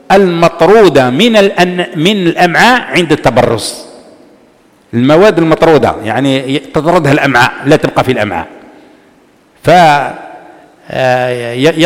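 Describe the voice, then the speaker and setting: A man giving a religious lesson, explaining a text and answering his own rhetorical questions. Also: fairly high pitch. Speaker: religious teacher. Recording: long reverb of a large hall.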